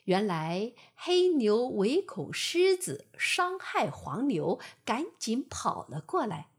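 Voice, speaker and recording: A woman narrating a bedtime fable with a gentle, expressive storytelling manner. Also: on the high side, slow pace, breathy edge.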